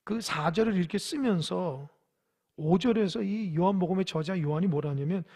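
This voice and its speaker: High, gravelly-voiced male pastor preaching. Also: normal speed. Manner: emphatic preaching that swings between loud urging and hushed whispers; questions the congregation directly. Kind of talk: sermon. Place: church sanctuary.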